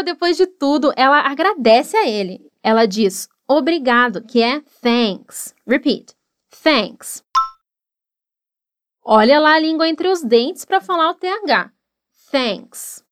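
A woman with a Brazilian Portuguese accent teaching an English lesson, encouraging and slowing down for model repetitions. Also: high-pitched, a bit bright, clear, resonant tone, dry recording, clean studio sound.

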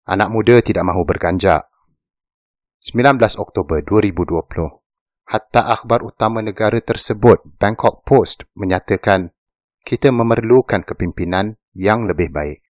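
Guy reading out an essay, low voice, serious and steady, dead dry sound. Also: moderate pace, no echo. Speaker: narrator reading an opinion essay. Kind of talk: scripted narration.

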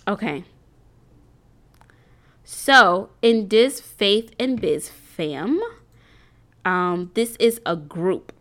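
Woman host, casual faith-and-business talk to camera, rambling with fillers, preacherly and earnest, mid pitch. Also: extremely slow, long pauses, a bit bright. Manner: chatty and rambling, with many ums and restarts.

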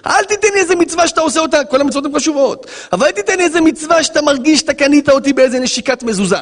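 Man putting on God, pleading and high. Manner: pleading, repeating short commands. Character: God speaking to a believer, gentle but demanding.

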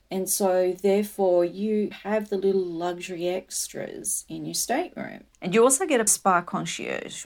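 A woman's voice: medium pitch, creaky. A woman giving informative travel commentary with personal asides, conversational and explanatory. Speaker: cruise travel presenter.

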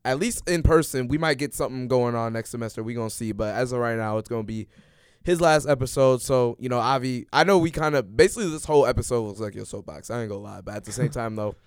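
Young man, podcast host, casual chat, clear smooth voice, dry close sound. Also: mid-range voice, fast, hardly any pauses, no room sound. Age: young adult.

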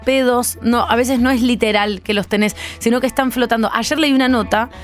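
A woman's voice: fairly high pitch, steady tone, fairly quick, faint music behind. A woman with a Rioplatense Spanish accent co-hosting a radio show, chatty and given to dramatic exclamations. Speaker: radio co-host. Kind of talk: lively studio banter.

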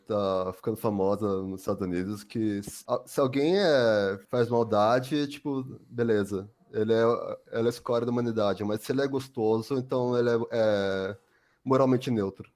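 A young Brazilian man on a podcast panel, joking and animated in casual chat. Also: on the low side, normal speed. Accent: Brazilian Portuguese.

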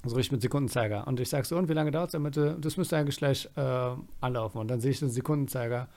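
A man's voice: medium pitch, fast, darkish tone. A young man in casual podcast chat, telling rambling anecdotes and acting out quotes.

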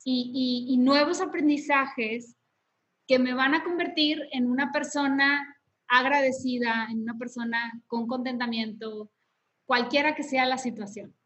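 A woman's voice: high-pitched, steady tone, unhurried, a bit bright, highs cut off. A woman hosting a faith podcast, talking through steps in an instructive way with frequent tag questions. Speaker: podcast host. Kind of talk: casual faith podcast conversation.

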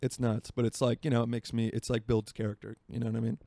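A man's voice: medium pitch, little pitch movement, quick pace, dark tone. A man in his twenties from Florida, hosting a solo podcast in rambling, self-mocking casual chat from his home by a marina. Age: 20s. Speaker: podcast host.

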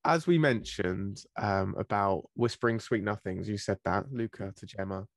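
A man's voice: on the low side, moderate pace, no room sound, clean studio sound. A British man from Britain co-hosting a podcast in casual chat, laughing often as he tells stories. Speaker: podcast co-host.

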